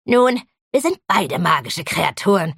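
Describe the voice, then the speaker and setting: A sneering, quarrelsome male troll, as a woman puts him on for an audiobook. He mocks and scoffs and swings up and down in pitch. Dry, close sound. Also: very animated, measured pace, vocal fry, a bit bright, slightly rough, dry recording, full character voice. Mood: scornful. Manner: mocking and scornful.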